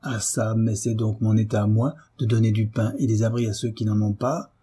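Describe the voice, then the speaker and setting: Reading a character in an audiobook, a man plays a brutish, hot-tempered middle-aged landowner who is furious, blustering, cursing and shouting. His voice sits on the low side and sounds husky, with a level tone and normal speed.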